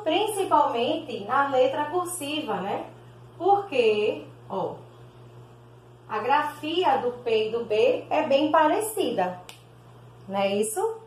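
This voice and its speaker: In a recorded video class, a Brazilian primary school teacher speaks very slowly and animatedly, sounding out words syllable by syllable and calling her pupils "meus amores." Her slightly high voice echoes around the room.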